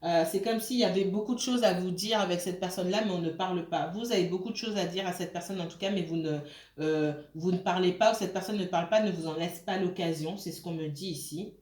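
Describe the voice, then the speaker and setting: A woman's voice: fairly low pitch, fast talker, a little mellow. A woman giving a casual tarot reading, hesitant, with many fillers and restarts, and often checking in with her listeners. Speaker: tarot card reader. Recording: roomy echo.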